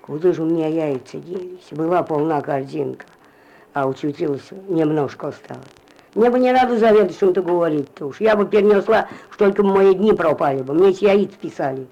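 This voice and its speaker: A retired farm worker, an old woman from a village, is interviewed in a lo-fi field recording, her dark voice sitting low and moving briskly. Her rambling recollections wander and repeat, trailing off into mumbles at phrase ends.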